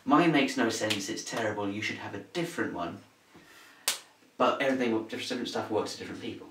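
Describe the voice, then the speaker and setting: A man's voice: on the low side, brisk. A young man co-hosting a casual biology revision lesson, explaining in a chatty, jokey way. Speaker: revision video co-host. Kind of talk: casual tutoring chat. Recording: echoey room, mic far off, faint hiss.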